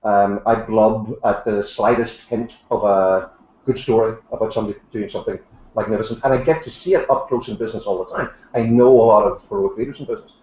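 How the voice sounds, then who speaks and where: Speaking a little fast, a guest author on an online panel, an older man from Ireland with an Irish accent, has a lowish, slightly mellow voice with fairly even intonation. He jokes in a dry, self-deprecating way, with frequent "uh" fillers. The audio is lo-fi and dull, recorded in an echoey room.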